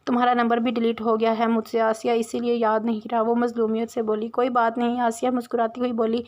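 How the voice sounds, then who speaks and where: Woman reading a novel aloud, flat delivery. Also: a little high, fast talker. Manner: reads all characters' dialogue in her own voice. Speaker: novel narrator. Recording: dull lo-fi recording.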